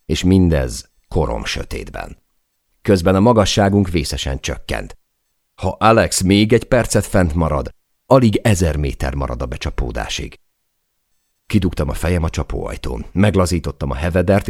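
Very deep gravelly male audiobook narrator. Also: dry recording, clean studio sound. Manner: dramatic reading, shouting out the quoted cries.

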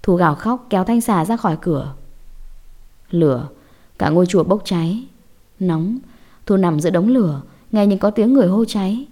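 A woman telling a scripted horror story in a measured, dramatic way. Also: mid-range voice, lively intonation, dark tone.

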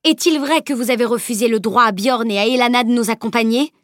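A woman's voice: fairly high pitch, lively intonation, normal speed, fairly bright tone, no echo, clean studio sound, pitched above the performer's own voice. A woman voicing a fierce teenage heroine who speaks in a heated, cutting way. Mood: defiant, furious. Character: fierce teenage girl heroine, defiant and angry.

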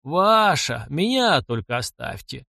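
A man's voice: fairly high pitch, sing-song, takes it slowly, sharp tone, no room sound, clean studio sound, full character voice. A man doing a groveling beaten bandit. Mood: desperate pleading. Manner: pleading, hoarse. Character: beaten bearded male bandit, groveling and terrified.

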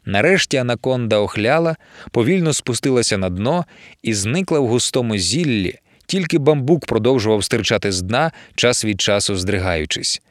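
Expressive man narrating a novel, animated pitch, dry studio read. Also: normal speed, no echo. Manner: expressive storytelling. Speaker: audiobook narrator. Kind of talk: scripted narration.

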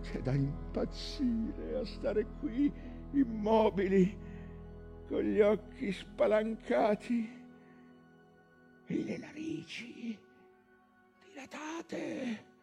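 An actor playing an obsessed, scarred old whaling captain in a declamatory theatrical stage monologue. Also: male voice, sits high, expressive, drawn-out words, gravelly, pauses often, soft background music, heavily acted. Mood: anguished, brooding. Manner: declamatory, swinging from hushed brooding to shouted commands.

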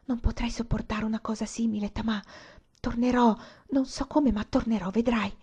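A woman's voice: a little high, steady tone, moderate pace, warm tone, husky. A woman reading the lines of an earnest young man in love, pleading and urgent, sometimes whispering.

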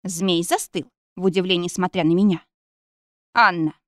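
A woman's voice: medium pitch, lively intonation, brisk, no room sound. Woman narrating an audiobook, dry close sound. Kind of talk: first-person audiobook narration.

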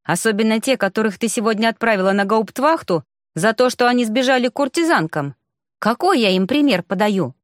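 A woman's voice: fairly high pitch, lively intonation, a little fast, no room sound, clean studio sound, lightly acted. A woman reading an audiobook, voicing a flustered, complaining male rector trapped in a young woman's body.

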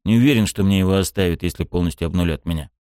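A man narrating an audiobook in a lively, wry storytelling manner. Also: deep voice, rapid-fire, smooth, no room sound, clean studio sound.

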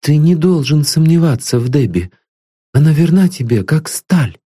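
A man's voice: a little high, animated, moderate pace, warm tone, husky, no room sound, clean studio sound, voice pushed up. A man reading an audiobook and voicing a young, devoted daughter who speaks in an imploring, emotional way. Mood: soothing.

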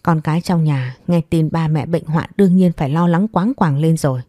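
A woman's voice: low-pitched, normal speed, warm tone, dry recording, clean studio sound. A woman voicing a stern old father who rebukes his wife firmly. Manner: stern, firm, reproachful. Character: stern old father, strict family head.

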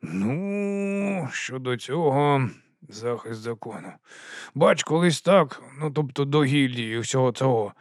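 A man's voice: mid-range voice, lively intonation, slow pace, dry recording, clean studio sound. A man voicing a scruffy, shifty older night-watch corporal who mumbles and grumbles. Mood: grumbling.

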